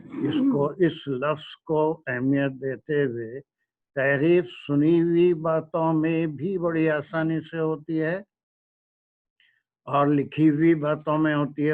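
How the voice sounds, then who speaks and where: Slow-speaking man in a tinny lecture recording. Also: a little high. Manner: slow, searching for words. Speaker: Quran lecturer. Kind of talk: religious lecture.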